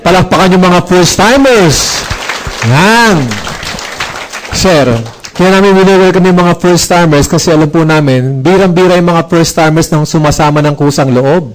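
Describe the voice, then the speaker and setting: A man giving an animated motivational talk to a live audience. He jokes, quizzes the crowd and acts out bits of dialogue. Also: on the high side, normal speed, poor audio. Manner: joking, asks the audience questions, acts out dialogue. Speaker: speaker at a business presentation.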